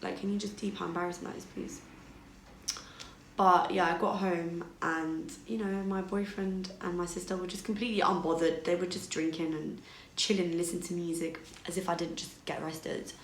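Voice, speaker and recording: A woman's voice: on the low side, flat delivery, fairly quick, a little hiss or hum. A young British woman telling a personal story in a casual, chatty way, full of fillers. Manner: chatty, filler-heavy, acts out quoted dialogue. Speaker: vlogger. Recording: echoey room.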